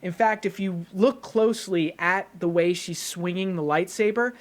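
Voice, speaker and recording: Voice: medium pitch, moderate pace. Rambling solo podcast host. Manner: rambling, thinks aloud while theorizing.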